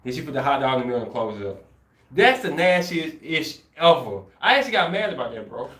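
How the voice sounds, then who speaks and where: A man co-hosting a podcast in casual chat, laid-back and slangy, getting animated when he rants. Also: mid-range voice, quick pace, roomy sound. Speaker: podcast co-host.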